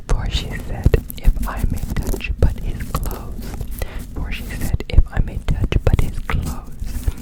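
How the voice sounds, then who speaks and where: Brief: ASMR scripture reader, breathy whisper doubled with a layered second whisper, repeats lines back softly. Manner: soft unvoiced whisper, echoing phrases back in repeats. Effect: whisper doubled by a layered whisper track.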